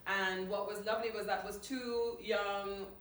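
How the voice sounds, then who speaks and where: A woman's voice: medium pitch, fairly even intonation, measured pace, fairly bright tone. Distant woman moderating in an echoey room. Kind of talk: conversational interviewing. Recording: echoey room, distant mic, faint noise.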